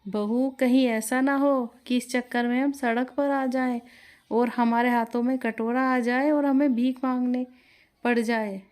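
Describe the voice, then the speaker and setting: A woman's voice: fairly high pitch, steady tone, measured pace, a little mellow, voice pushed up, natural voice. A woman doing a worried old mother-in-law. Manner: scolding, anxious, raised voice.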